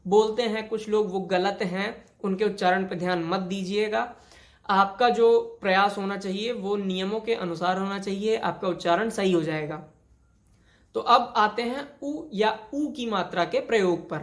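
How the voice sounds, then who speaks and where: A woman teaching a classroom grammar lesson. She lays out each rule slowly and repeats it with one example after another, in a voice of medium pitch. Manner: explains step by step with many examples and repeats rules. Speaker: Hindi teacher.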